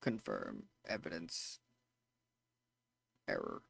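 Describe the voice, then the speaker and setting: Guy doing a glitching busted robot, slow and gravelly, words stutter and loop. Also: deep voice, wildly swooping pitch, a bit bright, dry recording, pitched below the performer's own voice, exaggerated voice. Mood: glitching monotone. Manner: halting, stuttering, clipped machine phrasing. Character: glitching damaged robot, stuttering and repeating errors. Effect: glitching robot voice, words breaking and repeating.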